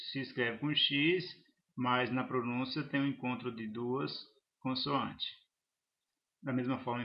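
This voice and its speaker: A man teaching a grammar lesson, halting and restarting phrases as he explains examples. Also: mid-range voice, creaky, pushed and bright. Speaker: Portuguese teacher.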